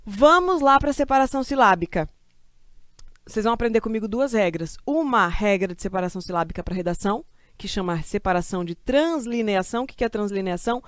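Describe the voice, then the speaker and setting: A woman from Brazil teaching a grammar lesson for exam prep, lively and chatty, asking questions and answering them herself. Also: medium pitch, brisk, no echo.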